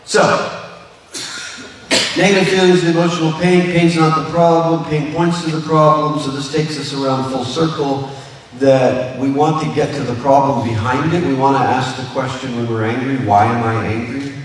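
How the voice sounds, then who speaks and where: A man's voice: medium pitch, fairly even intonation, normal speed, slight background noise. A man preaching a sermon as a pastor, explaining in a conversational way with frequent restarts. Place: church sanctuary. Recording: echoey hall, voice from a distance.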